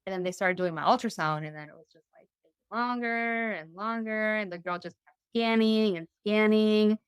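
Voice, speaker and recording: Young woman, chatty guest storyteller; smooth voice, dry close recording. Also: medium pitch, moderate pace, no room sound. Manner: chatty, full of "you know" and "like", acting out quoted voices. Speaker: interview guest. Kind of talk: casual storytelling.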